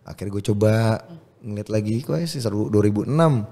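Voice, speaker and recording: A middle-aged man with a gravelly, creaky voice. He is the guest on a casual podcast interview and tells stories in a slangy, easygoing way, dropping in English phrases. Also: on the low side, brisk, warm tone. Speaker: guest, actor.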